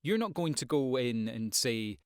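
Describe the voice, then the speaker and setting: A voice-over coach gives a conversational tutorial to viewers, speaking expressively close to the mic on a dry recording. His medium-pitched voice is smooth and a little slow, and he rambles while acting out examples.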